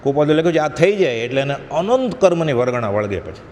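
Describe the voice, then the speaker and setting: A man's voice: a little high, sing-song, brisk, darkish tone. A man giving an earnest devotional discourse, admonishing his listeners and acting out short quoted prayers. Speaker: spiritual lecturer. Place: satsang hall. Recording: long hall reverb, faint ambient noise.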